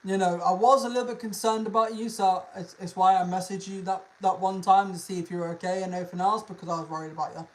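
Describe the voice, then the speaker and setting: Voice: medium pitch, steady tone, fast talker, hardly any pauses, poor audio. A livestream host, chatting casually in an informal, slangy, sweary way and often repeating phrases. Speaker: livestream host, animal content creator.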